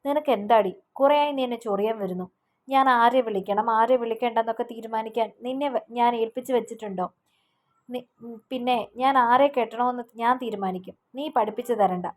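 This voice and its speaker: A man's voice: very high-pitched, brisk. A woman reading a young man's lines in an audio novel, a tired, grieving son who speaks in a heavy, subdued way. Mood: angry. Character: grieving young man, worn out, quick-tempered.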